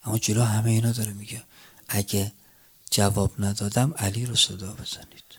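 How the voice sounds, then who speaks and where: Preacher, swinging loud to hushed. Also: male voice, fairly low pitch, flat delivery, breathy edge. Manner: swings between loud cries and hushed near-whispers, tearful chant. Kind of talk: mourning sermon.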